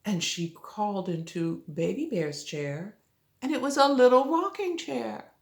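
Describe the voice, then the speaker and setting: An older woman with a sweet old lady manner tells a children's story as a grandmother, gently coaxing the listener with little questions. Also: medium pitch, expressive, a little slow, vocal fry. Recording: roomy, echoey home recording.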